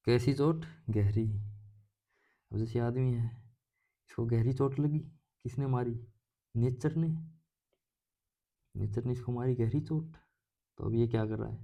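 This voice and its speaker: Man teaching English idioms, mellow voice. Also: medium pitch. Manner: explains by asking questions and answering them himself; jokey, playful asides while explaining. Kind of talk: casual classroom lecture.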